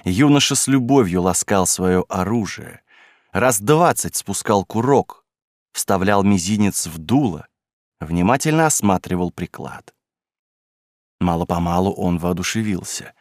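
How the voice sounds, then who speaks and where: A man narrating a classic novel as an audiobook in a measured, even storytelling manner. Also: low voice, no echo, clean studio sound.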